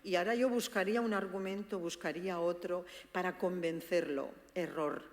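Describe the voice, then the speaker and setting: A woman gives a lively teaching talk to an audience, acting out sample dialogues and speaking to her listeners directly. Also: fairly low pitch, moderate pace. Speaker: speaker presenting a book on active listening. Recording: long reverb of a hall.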